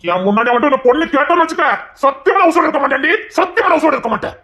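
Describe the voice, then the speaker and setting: A man's voice: very high voice, lively intonation, very fast, very noisy. A man voicing a possessive, hot-tempered young husband in an audio drama. He talks in a stern, scolding way. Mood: jealous. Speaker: voice actor in an audio serial.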